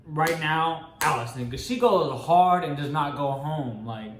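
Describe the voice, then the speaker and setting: A man's voice: on the high side, animated, unhurried. Slangy young American man in echoey room. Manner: informal, slangy. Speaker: co-host of a couple's Q&A. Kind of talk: casual chat. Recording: roomy echo, faint background noise.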